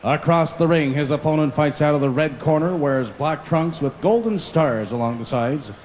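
Slow, deliberate male arena announcer. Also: a little high, darkish tone. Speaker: ring announcer. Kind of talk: formal bilingual arena announcer introductions. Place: boxing ring in an indoor arena.

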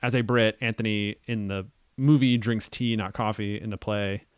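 Low, smooth-voiced man chatting about film. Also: moderate pace, dry recording, clean studio sound. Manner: relaxed, thinks aloud with many ums and restarts. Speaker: podcast co-host. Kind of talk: casual film discussion.

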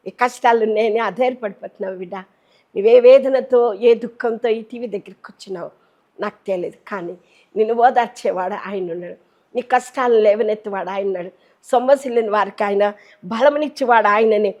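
A woman bishop preaching a televised sermon, passionate and repetitive, swinging between ringing exclamations and hushed pleading. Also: mid-range voice, fairly quick, highs cut off. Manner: repeats phrases for emphasis.

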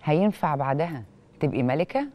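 A television host, a woman with an Egyptian accent, reads and reacts to a letter with expressive questions, miked with a lapel mic in the studio. She has a deep voice and talks a little fast, and the highs are cut off.

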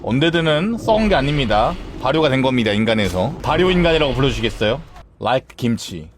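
A man's voice: mid-range voice, sing-song, fairly quick, noisy background. A man streaming a game and chatting casually, playful and theatrical, swinging between squeals and mock-stern grumbling.

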